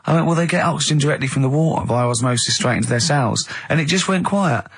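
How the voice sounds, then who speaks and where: Husky man telling a comic radio story. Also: a little high, quick pace, no echo. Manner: storytelling, mocking, bursts into laughter. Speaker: radio host.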